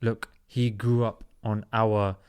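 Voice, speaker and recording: Man, thirties, from South London, reflective, clear resonant voice, fairly low. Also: little pitch movement, slow, a little mellow. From South London, England. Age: 30s. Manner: reflective, earnest storytelling. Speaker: podcast guest, comedy YouTuber. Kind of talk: casual interview talk.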